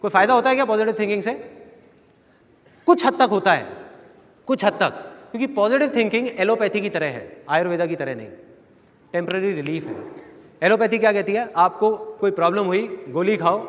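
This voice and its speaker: A motivational speaker giving a seminar talk to a live audience, telling stories and acting out voices. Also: male voice, high voice, brisk, pauses often, big-room sound. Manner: storytelling, acts out voices. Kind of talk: seminar talk with acted-out anecdotes. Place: large hall with a live audience.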